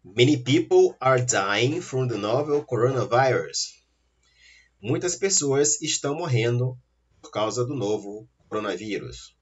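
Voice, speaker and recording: A man's voice: medium pitch, expressive, slightly rough. Man, English lesson, careful explaining, dull lo-fi recording. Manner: slow, careful explanations, spelling out letters. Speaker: English teacher. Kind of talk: language lesson.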